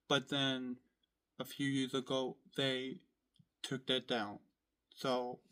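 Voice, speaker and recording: A man vlogging at home in a rambling, casual way, his voice hoarse from being sick and his throat often clearing. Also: medium pitch, fairly bright tone. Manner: rambling, full of fillers and restarts. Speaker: vlogger showing his collection.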